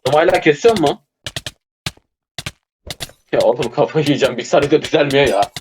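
A man's voice: on the high side, expressive, normal speed, noisy background. Swearing, frustrated young gamer man. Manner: swears constantly, frustrated outbursts and shouting. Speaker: gamer streamer. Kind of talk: casual gameplay chat with teammate.

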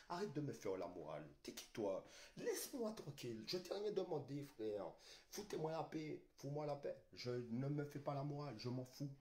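A man's voice: medium pitch, dark tone, reverberant. A man streaming live, ranting in a rambling, insulting way with garbled phrasing. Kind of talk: street livestream rant.

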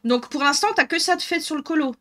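A woman's voice: high-pitched, fast, a bit bright. A woman with a northern French accent streaming live, chatting casually and thinking aloud as she colours, laughing often. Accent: northern French (ch'ti).

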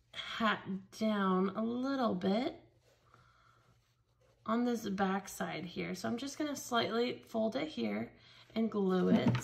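Shot by an overhead camera that shows only her hands, a craft store instructor works through a project at her table. Her voice sits slightly higher than most and carries a gravelly fry. She's chatty and enthusiastic, warmly and casually describing each step as she works with her hands.

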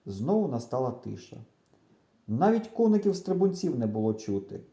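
Man narrating an audiobook, dark and lively. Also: medium pitch, normal speed, vocal fry, roomy sound. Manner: storytelling, animated. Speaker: audiobook reader.

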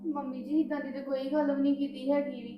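An actress playing a meek young daughter-in-law who pleads and defends herself. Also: female voice, high voice, flat delivery, quick pace, highs cut off, close to an everyday voice. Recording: roomy echo. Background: music.

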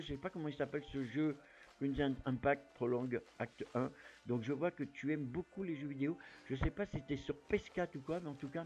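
A man chatting casually as a YouTuber, rambling with plenty of fillers while giving shout-outs. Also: medium pitch, dull audio. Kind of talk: casual chat.

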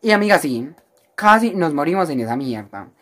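Low-voiced, dramatic Colombian woman vlogger. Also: sing-song, normal speed, fairly bright tone. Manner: dramatic, exaggerated, slangy, chatty to the viewer as a friend. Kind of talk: casual storytime vlog.

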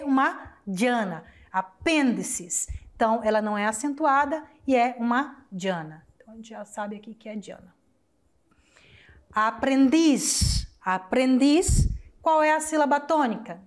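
Young adult Brazilian woman, school teacher on recorded lesson, chatty and warm toward students, slow word-by-word drills. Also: fairly high pitch, expressive. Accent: Brazilian Portuguese. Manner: affectionate, chatty, asks rhetorical questions and answers them; spells out words slowly syllable by syllable. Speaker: Spanish teacher. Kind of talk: recorded online class explanation.

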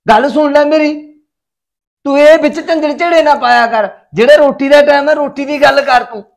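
A man's voice: extremely high pitch, moderate pace. A man playing a drunken, quarrelsome husband who blusters and threatens his wife over dinner. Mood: angry. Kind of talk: village short-film acting.

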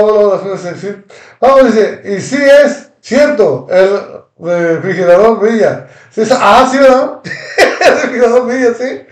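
A man's voice: sits high, a little mellow. A man with a Mexican Spanish accent hosting a live stream, reading viewer comments aloud and rambling in heated, repetitive insults. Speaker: livestream host. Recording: roomy echo, distant from mic.

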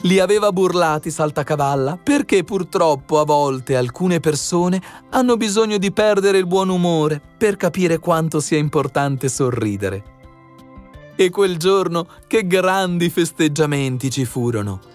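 A man reads a fairy tale aloud in an expressive, animated way, his voice on the higher side and swinging widely in pitch. Soft music plays faintly underneath. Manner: expressive storytelling. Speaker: audiobook narrator. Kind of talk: scripted fairy-tale narration.

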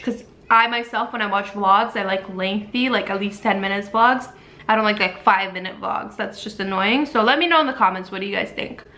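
A woman's voice: fairly high pitch, pushed and bright, a little hiss or hum, rough recording. A young woman vlogging casually to camera, chatty and storytelling, full of "like". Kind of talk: casual vlog chat. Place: home and out and about.

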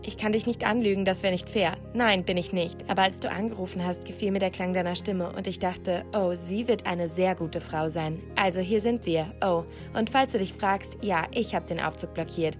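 A woman voicing a creepy old man posing as a doctor, calm, smug and menacing, close to her own narrating voice. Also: on the low side, moderate pace, few pauses, music in the background, lightly acted. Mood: smug menace.

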